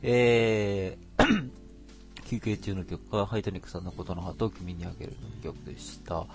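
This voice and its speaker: A man's voice: on the low side, lively intonation, a little slow, over music. A man hosting a live radio stream in a casual, hesitant, apologetic chatting manner.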